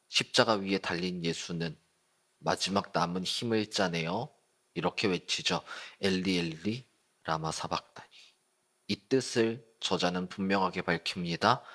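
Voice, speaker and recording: A man's voice: on the low side, fairly bright tone. A man preaching a sermon at a youth service, talking casually and putting questions to the congregation. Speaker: youth group pastor. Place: church service.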